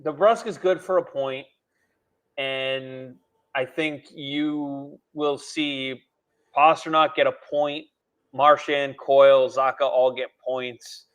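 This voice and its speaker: A man's voice: medium pitch, steady tone, slow pace, fairly bright tone. A man co-hosting a hockey podcast in casual chat, often laughing, with hesitant fillers. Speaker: podcast co-host.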